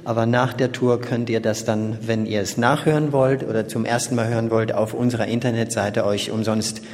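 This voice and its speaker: A man interpreting a sermon live, speaking in a measured way with small restarts. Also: mid-range voice, fairly even intonation, darkish tone. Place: large church hall. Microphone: handheld mic. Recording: church hall with long reverb.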